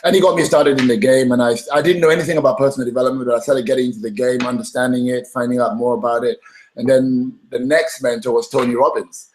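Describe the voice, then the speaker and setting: Animated man telling his story. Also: medium pitch, quick pace, slight background noise, low-quality recording. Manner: animated, acts out quoted dialogue. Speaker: interview guest. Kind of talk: energetic storytelling in conversation.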